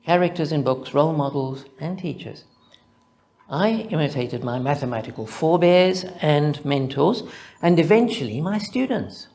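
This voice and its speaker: An older Zimbabwean-accented mathematician reads a prepared conference paper deliberately and reflectively, building rhythmic lists. His voice sits on the high side, creaky with a darkish tone.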